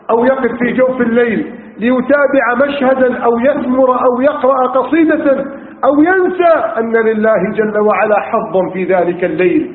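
High-voiced man preaching in an echoey hall. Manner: impassioned storytelling with rhetorical lists. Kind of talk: sermon. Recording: tinny, echoey hall recording.

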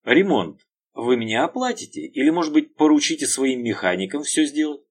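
A man voicing a calm, tough police colonel who speaks quietly and dryly. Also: fairly high pitch, pitched above the performer's own voice. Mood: measured. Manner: quiet, dry, measured.

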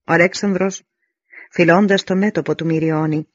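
A man reading a novel aloud in a measured, solemn first-person narration, on a dull lo-fi recording. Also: a little high, fairly even intonation, no room sound. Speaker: audiobook narrator. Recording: dull lo-fi audio.

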